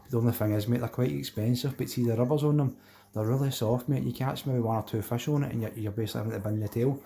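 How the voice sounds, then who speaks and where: Talking fast in a creaky, warm, mid-range voice with a steady tone, a man from Glasgow, Scotland, reads out and replies to viewers on his fishing live stream. He's matey and rambling, using colloquial Scots wording.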